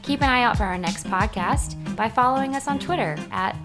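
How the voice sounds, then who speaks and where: A woman's voice: a little high, music in the background. A woman co-hosting a podcast, chatting casually in a bubbly, playful way and joking with her co-host. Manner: bubbly, playful, quick to joke.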